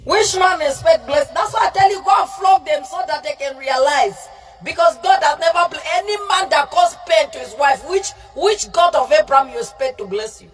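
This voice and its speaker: Soft music plays behind a high-pitched woman preaching at a moderate pace on a livestream. Recorded from a distance, she answers live comments in a fiery, informal sermon, scolding confrontationally, repeating herself, and mixing in Pidgin.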